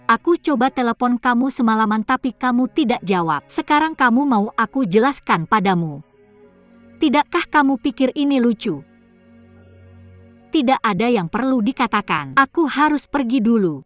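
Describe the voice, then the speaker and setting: A hurt young woman in a serial drama stands up to her partner , played by an actress. Her voice is on the high side. The sound is slightly dull, with music underneath. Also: lively intonation, normal speed, dry recording, lightly acted. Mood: hurt, reproachful. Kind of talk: dubbed serial drama dialogue. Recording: dull lo-fi audio, music behind.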